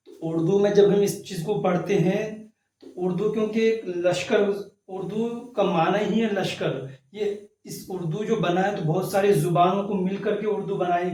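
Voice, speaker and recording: A man's voice: high voice, warm tone. A man teaching the alphabet, patiently sounding out and repeating each letter. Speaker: Urdu teacher. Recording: echoey room, voice far from the mic.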